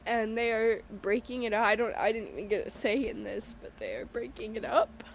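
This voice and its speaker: A young woman speaks alone into a podcast mic while crying, her slightly high voice breaking into halting, apologetic phrases. A faint background hum sits under her words. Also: animated, gravelly, low-quality recording. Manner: halting, apologetic, tearful with many pauses. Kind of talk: personal podcast monologue.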